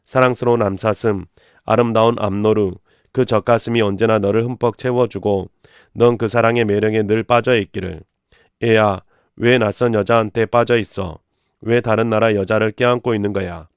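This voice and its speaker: A man reading Bible passages aloud in a steady, measured recitation on a close mic. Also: on the low side, smooth, dry recording. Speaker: scripture reader.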